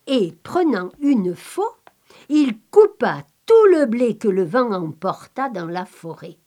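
A woman reading a folk tale aloud in a calm, measured, expressive storybook manner. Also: fairly high pitch. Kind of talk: slow storybook narration.

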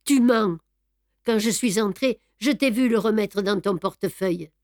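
Reading as a male court clerk who turns out to be a brutal, sneering armed villain, a woman speaks in a curt, mocking manner. Her natural voice is medium-pitched and a little mellow, at a moderate pace, in studio quality without echo.

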